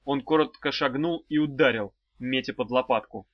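A man narrating a fantasy audiobook in a measured, even reading. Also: medium pitch, no room sound, muffled recording. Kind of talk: scripted narration.

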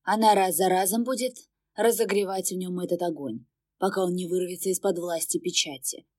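A woman's voice: on the low side, steady tone, dark tone, no room sound, clean studio sound, natural voice. Woman doing a brooding demon lord. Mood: brooding command. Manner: cold, deliberate orders.

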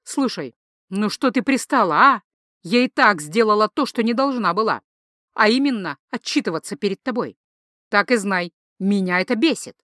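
A woman's voice: medium pitch, expressive, moderate pace, pushed and bright, dry recording, studio quality. A woman reading an audiobook, voicing a blunt, exasperated young woman.

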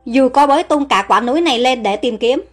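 A man's voice: very high voice, lively intonation, a little fast, soft background music. A woman voicing an anguished young king. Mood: furious. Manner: anguished, vengeful outbursts. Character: young grieving hot-tempered male king.

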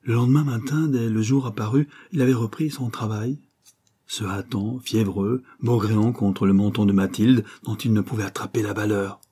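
A man reading a literary story aloud in an expressive, dramatic way. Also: on the low side, moderate pace, husky. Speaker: audiobook narrator.

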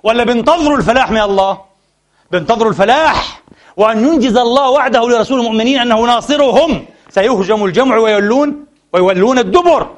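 A man giving a religious lecture. He argues his point, mocks opposing views, keeps quizzing the audience with short prompts, and chants quoted verses slowly. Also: very high voice. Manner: mocking, argumentative asides. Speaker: Islamic scholar lecturing.

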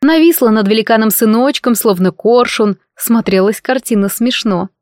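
A woman narrating a first-person fantasy audiobook in a wry, lively storytelling manner, close to the mic. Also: a little high, normal speed, no echo.

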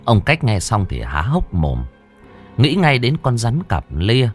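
A man narrating a horror story in a dramatic, expressive way. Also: medium pitch, unhurried, soft background music.

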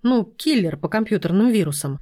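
A woman's voice: medium pitch, lively intonation, a little fast, warm tone, natural voice. A woman reading an audiobook voices a teasing, sarcastic young man. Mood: explaining.

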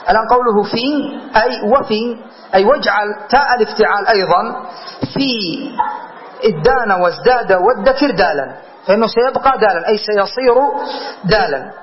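A man's voice: sits high, quick pace. A sheikh teaching Arabic grammar in a classroom lesson, explaining step by step and checking whether his listeners follow. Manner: patient step-by-step explaining, checks understanding with questions. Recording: dull lo-fi lecture recording.

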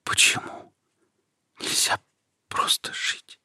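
A man voicing a desperate, tearful young girl who screams at a high, strained pitch in an audiobook. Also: slow pace, sharp tone, dry recording, in a whisper, studio quality. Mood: dying whisper.

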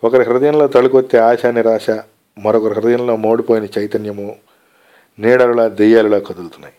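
Calm man reading a story aloud. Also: lowish voice, a little fast, highs cut off. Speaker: story reader. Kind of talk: read-aloud short story narration.

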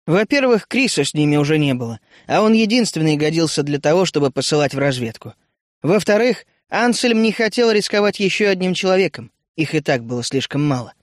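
Guy reading a story aloud, kinda high voice, even and steady, dry room. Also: a little fast, no echo. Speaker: audiobook reader. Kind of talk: scripted narration.

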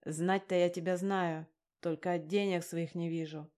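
A woman's voice: on the low side, steady tone, a little slow, warm tone, natural voice. A woman reading a sneering gangster man. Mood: cold threatening. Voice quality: mocking, threatening. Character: menacing male gangster lender, cold and crude. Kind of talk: audiobook character reading.

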